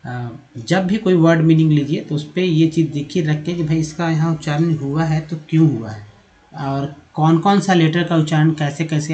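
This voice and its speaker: A man's voice: a little high, a little mellow. A man teaching English vocabulary and pronunciation in a YouTube lesson, spelling words out letter by letter and repeating them patiently. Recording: lo-fi, dull sound.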